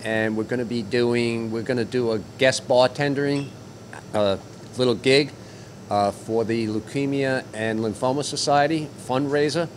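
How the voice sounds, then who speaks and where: A man's voice: medium pitch, fairly even intonation, normal speed, a little hiss or hum. An older man hosting a fishing report on location, chatting casually with many fillers into a handheld mic. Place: outdoors at docks, then inside a deli.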